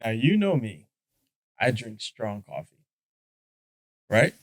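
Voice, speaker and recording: A man's voice: medium pitch, sing-song, slow, dry recording. A man co-hosting a podcast in casual debate chat, blunt, heated and profane. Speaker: podcast co-host.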